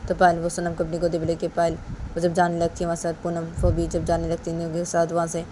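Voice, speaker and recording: A woman's voice: fairly low pitch, completely flat delivery, fast, noisy background. A woman casually narrating a story, retelling it plainly and repetitively.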